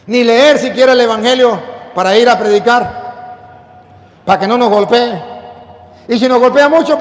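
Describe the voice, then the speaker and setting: Venezuelan priest giving a sermon, high voice, jokey, acts out voices, echoey church. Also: male voice. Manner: playful preacher acting out voices and stories. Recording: echoey hall with long reverb.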